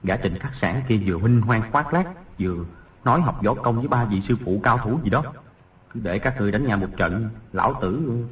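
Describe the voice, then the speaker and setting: A man's voice: fairly low pitch, lively intonation, fairly quick, distant mic, close to an everyday voice. A man voicing a boastful, scheming teenage boy's inner thoughts in an audiobook, on a dull lo-fi recording. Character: scheming cocky teenage boy hero.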